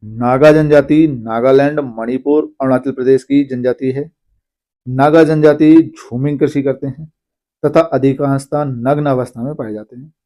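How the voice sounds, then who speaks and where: A man with a mellow, warm voice at an ordinary pitch teaches an exam-prep lesson. He reads long lists of names at a measured pace, with explanations between them. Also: steady tone. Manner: reads names slowly, apologizes for pronunciation. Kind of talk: exam-prep lecture reading a list.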